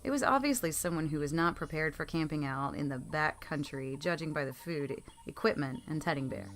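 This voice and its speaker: A woman narrates creepy first-person stories in a scripted storytelling style, her low voice moving fairly quickly. Noticeable noise fills the background of the recording.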